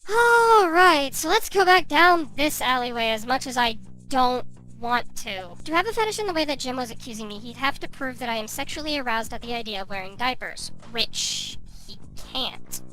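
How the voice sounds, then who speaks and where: Sarcastic voice-changed commentator, very high and bright. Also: animated, normal speed, soft background music, low-quality recording. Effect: voice changer raising the pitch. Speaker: commentary YouTuber. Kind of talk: commentary rebuttal.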